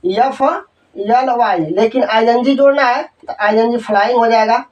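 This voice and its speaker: A man teaching an English grammar lesson, dictating example sentences slowly, spelling words letter by letter and checking that students follow. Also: extremely high pitch, a little mellow, distant mic, dull audio. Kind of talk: Hindi-medium grammar lesson.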